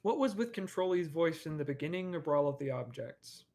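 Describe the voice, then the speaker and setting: Young man, casual stream chat, rambling with fillers, a bit high-pitched. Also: animated, fairly quick, darkish tone. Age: young adult. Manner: rambling, many fillers and restarts. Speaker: animator and streamer.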